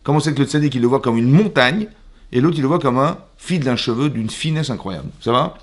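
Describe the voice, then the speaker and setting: A man's voice: medium pitch, brisk, slight background noise. A man, a rabbi, teaching a Torah class in a synagogue, who questions his listeners and acts out quoted dialogue. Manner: lively, asks the audience questions.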